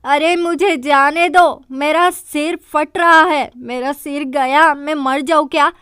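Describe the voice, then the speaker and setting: A woman's voice: very high-pitched, normal speed, a bit bright, no echo, studio quality. A woman voicing a panicky, anxious young man. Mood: panicked. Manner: panicked, dramatic.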